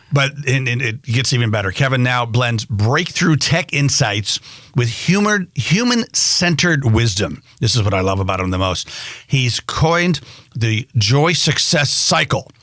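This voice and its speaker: A man's voice: mid-range voice, fairly bright tone, no echo. A man hosting a show in a studio, introducing his guest in an upbeat way with stumbles and repeated words. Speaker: host.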